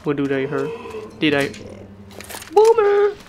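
A let's play gamer commenting casually on gameplay, excitable and joking, with yelps and non-native English phrasing. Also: medium pitch, a little slow, noisy background. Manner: excitable, yelps and laughs, jokey asides. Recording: game music and gunfire under the voice.

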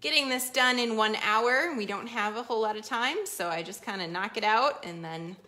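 Bright-voiced lady doing a live paint-along, relaxed and chatty, talking as she paints. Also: on the high side, moderate pace. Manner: loose, easygoing explanations with frequent "um" and "kinda". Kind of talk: casual live painting demo.

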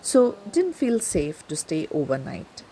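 A woman's voice: sits low, sing-song, a little slow, a crowd in the background. A woman, narrating a family camping vlog in a storytelling way. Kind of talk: scripted voice-over narration.

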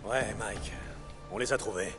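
An actor playing a gruff, weary and blunt biker drifter in a video game, muttering his lines. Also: on the low side, measured pace, over music, lightly acted. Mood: insistent. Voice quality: gravelly. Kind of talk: video game voice acting in a French dub.

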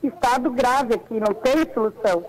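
A woman's voice: fairly high pitch, brisk. A woman calling in to a radio talk show over the phone, answering in short plain replies. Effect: caller heard over the phone line.

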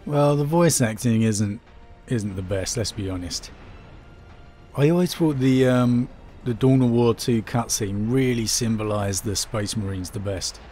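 A man's voice: medium pitch, a little slow, dark tone, faint music behind. A man giving casual gameplay commentary as he plays. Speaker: let's player commenting on a game.

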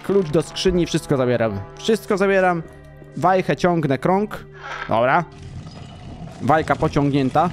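A young man casually commenting on his gameplay, chatty and exasperated, sometimes yelling at the game, over a desk mic. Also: on the high side, lively intonation, unhurried, pauses often, faint music behind. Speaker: gaming YouTuber. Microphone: desk mic with in-ear headphones.

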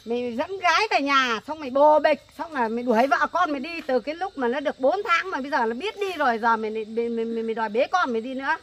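A woman playing a bossy older neighbor who scolds and shouts commands, speaking. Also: sits high, fast, few pauses, slight background noise. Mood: furious. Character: bossy older female neighbor, fierce and meddling.

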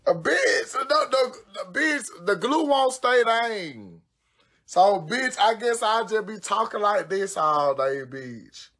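A woman's voice: mid-range voice, lively intonation, slow pace, fairly bright tone. A woman on a phone livestream at home, talking casually and cursing freely while she does her own nails. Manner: brash, profane, exclamatory, frequent cursing. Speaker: social media personality.

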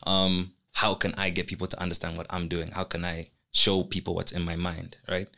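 Low-voiced young man, bright and earnest. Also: monotone, a little fast, creaky. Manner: earnest, reflective, talks with his hands. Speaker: guest, artist. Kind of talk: casual podcast conversation. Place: small indoor podcast studio. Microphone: studio microphone on a stand.

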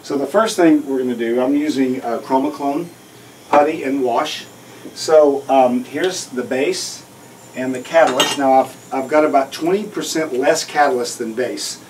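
A middle-aged man teaches a hands-on technique in plain, orderly steps. His voice sits at a medium pitch. Some background noise from the treatment room comes through. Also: a little slow, poor audio. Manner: plain, step-by-step explaining. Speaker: dentist and instructor. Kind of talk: instructional demonstration. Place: small dental treatment room, indoors.

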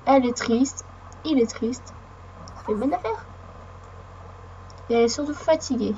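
A woman with a hoarse voice from a cold, sniffling while chatting and rambling through casual gameplay commentary, talking to the game and her viewers. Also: high voice, unhurried, dark tone, muffled recording, slight background noise. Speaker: let's play gamer.

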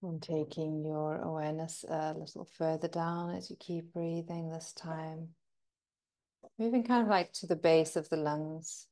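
Her voice sits low and her tone stays steady as this teacher walks listeners through a breathing meditation. She is gentle and soothing, leaving pauses to hang.

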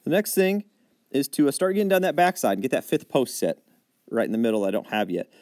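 A man's voice: medium pitch, big pitch swings, fairly quick, a little mellow, no echo. A man gives a plain step-by-step voice-over of his building work. The recording is dry and close, with no room sound around his voice. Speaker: DIY barn builder. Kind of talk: voice-over narration.

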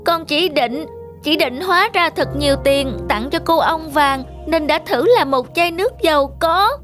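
In a dubbed children's moral cartoon with music behind the dialogue, a naive little monkey boy apprentice speaks in a high, slightly bright voice. He sounds eager, childlike, earnest and polite, apologizing at an unhurried pace.

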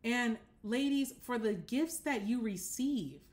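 A young woman hosting a casual dating-advice talk from her apartment, speaking straight to the camera, animated and direct, often checking that listeners follow. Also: on the high side, takes it slowly. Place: apartment living room, indoors.

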